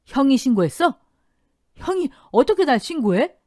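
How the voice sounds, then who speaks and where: Woman reader plays a violent husband in an audio drama; pleading, unstable, lively pitch. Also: unhurried, dry recording, clean studio sound. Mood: panicked. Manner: pleading, then menacing. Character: desperate, violent middle-aged husband.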